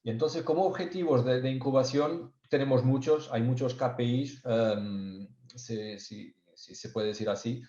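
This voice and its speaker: A sales engineer from Portugal presents a technical webinar in Spanish, which he learned in Spain and Galicia, with a Portuguese accent, often restarting and searching for words. His medium-pitched voice is warm and measured. The audio is reverberant and dull.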